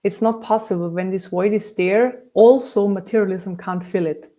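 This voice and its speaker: Mellow-voiced woman, reflective. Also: mid-range voice, fairly even intonation, moderate pace. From Austria. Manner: thoughtful, with frequent restarts. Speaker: spiritual teacher and guest. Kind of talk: reflective interview conversation.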